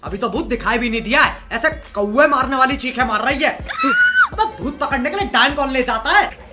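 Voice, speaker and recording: A man's voice: extremely high pitch, wildly swooping pitch, moderate pace, raised voice, music in the background. A young man hosting a reaction video with comedic roast commentary, sarcastic and mocking, full of crude jokes.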